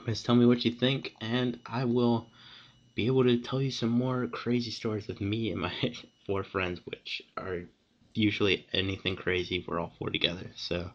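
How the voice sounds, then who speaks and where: A teenage boy tells a story straight to his camera, rambling and excited, tripping over restarts and fillers. His voice sits low with a gravelly fry. The audio is dull and lo-fi, like a cheap webcam. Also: moderate pace. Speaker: vlogger.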